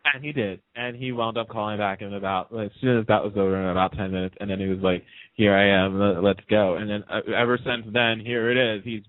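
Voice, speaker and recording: Guesting on an interview, this radio host talks fast and eagerly, telling stories and performing the dialogue he recounts. His fairly low voice stays fairly even in intonation, and the sound is lo-fi and band-limited like a phone-in call.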